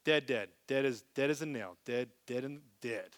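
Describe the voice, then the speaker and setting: A man preaching a live sermon to a congregation, animated, swinging from loud emphasis to very soft, hushed lines. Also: mid-range voice, moderate pace. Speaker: pastor.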